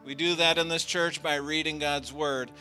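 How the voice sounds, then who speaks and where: Male pastor, very bright forceful voice, fairly high pitch, earnest emphatic preaching, soft music behind. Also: fairly even intonation, moderate pace. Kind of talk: sermon and prayer. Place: church.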